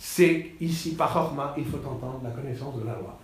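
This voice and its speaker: A man teaching a classroom text study, halting and repeating words, then stressing key points with energy. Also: medium pitch, roomy sound.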